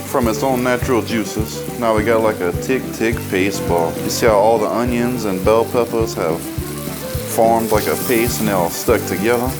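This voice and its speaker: Cajun guy doing a cooking show, kinda low voice, folksy, music playing pretty clearly behind him. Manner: folksy, colloquial. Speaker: cooking show host and chef. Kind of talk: casual cooking demonstration.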